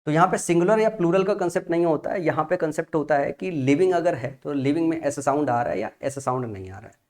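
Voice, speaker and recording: A man's voice: fairly high pitch, quick pace, darkish tone. A man teaching English grammar in a classroom-style lesson, repeating key points and asking and answering his own questions.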